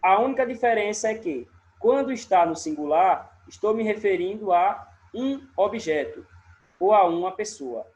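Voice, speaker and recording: High-pitched and animated, with a darkish tone, a man with a Sergipe Brazilian accent teaches a recorded remote lesson over lo-fi audio. He goes step by step and often checks in with quick questions.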